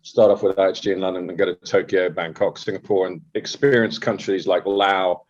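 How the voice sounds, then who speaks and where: A man's voice: sits low, steady tone, fairly quick. A man speaking casually as a guest answering questions in an interview. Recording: slightly dull, lo-fi sound.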